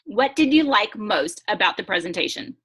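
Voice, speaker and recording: A woman's voice: medium pitch, very animated, moderate pace, a bit bright, slightly rough. A woman hosting a casual webinar over a video call, chatty and upbeat, often laughing. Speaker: host.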